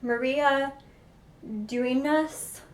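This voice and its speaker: A young woman chatting casually in a book vlog, excitable and self-deprecating, often unsure how to say names. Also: high voice, drawn-out words. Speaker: booktuber. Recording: echoey room.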